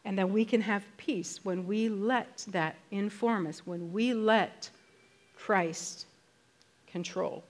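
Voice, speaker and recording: Speaking at a medium pitch, a female preacher addresses her congregation with emphatic, conversational delivery, easing her pace whenever she wants a key phrase to land.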